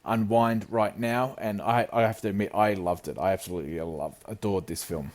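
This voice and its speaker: A man's voice: on the low side, fairly even intonation, moderate pace, darkish tone. A man in his thirties co-hosting a movie podcast in casual, self-deprecating chat with frequent restarts. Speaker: podcast co-host.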